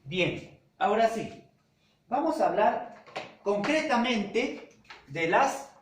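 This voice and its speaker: A man teaching a secondary school language class, speaking slowly and deliberately, repeating key terms and checking in with his students. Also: high voice, very animated, slight background noise. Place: classroom with a whiteboard. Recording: echoey classroom.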